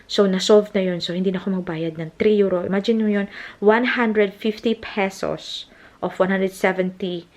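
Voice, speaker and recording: A woman's voice: mid-range voice, steady tone, moderate pace. A woman from the Philippines, talking casually to camera in a family vlog and mixing Tagalog with English. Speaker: family vlogger.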